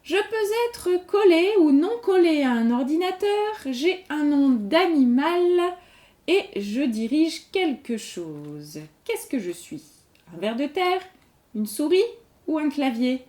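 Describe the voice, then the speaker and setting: A woman's voice: high voice, very animated, takes it slowly, mellow. A woman hosting a general-knowledge quiz, reading each question twice and patiently explaining the answer. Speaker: quiz host. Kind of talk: reading quiz questions aloud, slow and clear.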